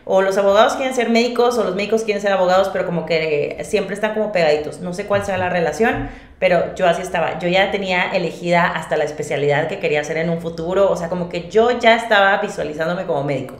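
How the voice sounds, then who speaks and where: A woman's voice: fairly low pitch, quick pace. A woman with a northern Mexican accent from Monterrey tells her own story in a casual interview, chatty and often interrupting herself to quote her own thoughts. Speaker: podcast guest, independent singer and artist. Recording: roomy, echoey sound.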